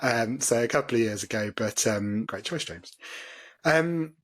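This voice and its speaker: A man's voice: medium pitch, animated, measured pace, a bit bright. A man co-hosting a gaming podcast, chatting casually with a self-deprecating, rambling manner. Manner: chatty, self-deprecating, many fillers and laughs. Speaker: podcast co-host. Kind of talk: casual chat.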